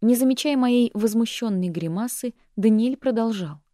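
A woman narrating a first-person romance novel in an expressive, even storytelling way. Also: fairly high pitch, moderate pace, no echo, clean studio sound. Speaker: audiobook narrator.

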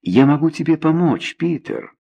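A man's voice: a little high, expressive, normal speed, creaky, warm tone, pitched above the performer's own voice. A man doing a meek young woman. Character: timid young woman devoted to her lover.

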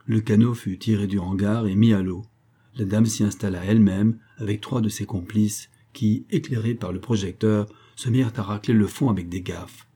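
A man reading an old adventure novel aloud in steady, measured narration. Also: fairly low pitch, breathy edge. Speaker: audiobook narrator.

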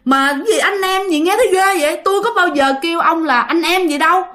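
A woman's voice: extremely high pitch, fast, bright, forceful tone, voice pushed up. A woman voicing a startled young woman who snaps back at a man in an exasperated, scolding way, within a told ghost story.

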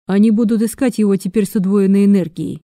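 A woman's voice: medium pitch, fairly even intonation, fast talker, warm tone, no echo, clean studio sound, natural voice. Woman reading as a weary bitter male agent. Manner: tired, speaking through teeth.

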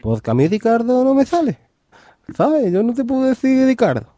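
Man putting on an Andalusian local, put-on accent, pitched way up, mellow tone, chatty and apologetic. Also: sing-song, moderate pace, no room sound, dull audio. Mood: explaining. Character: Andalusian man who can't pronounce R.

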